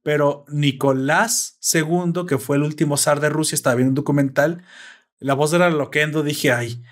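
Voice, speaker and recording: A man's voice: on the high side, fairly even intonation, normal speed. Chatty Mexican man, slangy explainer. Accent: Mexican Spanish. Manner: explains at length, salty slang. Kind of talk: casual chat.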